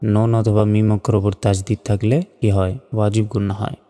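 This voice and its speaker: A man teaches Quran reading, spelling each letter carefully before chanting the verse slowly. His voice is low, mellow and smooth. It echoes with a long reverb over faint music. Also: level tone. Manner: slow, careful letter-by-letter spelling with drawn-out recitation.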